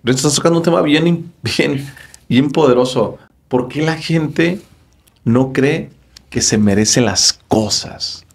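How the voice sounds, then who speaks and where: Un hombre, presentador de podcast, que hace preguntas con calma y en tono reflexivo. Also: male voice, mid-range voice, slow, vocal fry, breathy edge. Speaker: podcast host. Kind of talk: podcast interview.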